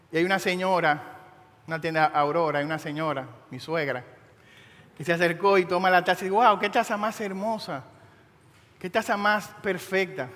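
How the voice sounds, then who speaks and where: A man preaching a sermon, telling a story with dramatic, emphatic pauses. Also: on the high side, fairly bright tone, in a large hall. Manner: impassioned, dramatic storytelling with slow emphatic phrases.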